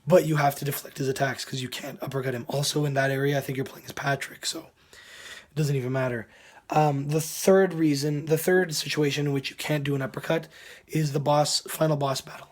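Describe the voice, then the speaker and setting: A man with a hoarse, sick voice that is giving out gives casual commentary as a game reviewer, often clearing his throat. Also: fairly high pitch, fairly even intonation, a little fast.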